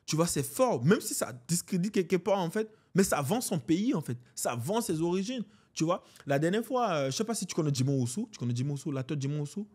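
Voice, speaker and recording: A man's voice: a little high, brisk, few pauses, husky. A man in his twenties from Benin with a Beninese French accent, chatting casually as a podcast guest and leaning on "en fait, tu vois". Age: 20s. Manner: animated, slangy, repeats "en fait, tu vois".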